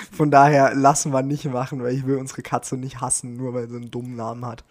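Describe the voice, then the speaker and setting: A man's voice: medium pitch, flat delivery, fairly quick. A young man chatting casually as a podcast co-host, laid-back and joking, dropping English slang. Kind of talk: casual chat.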